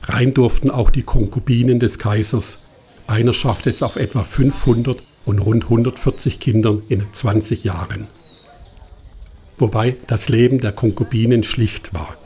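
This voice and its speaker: A man narrating a travel documentary in a calm, measured scripted voice-over. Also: medium pitch, breathy edge.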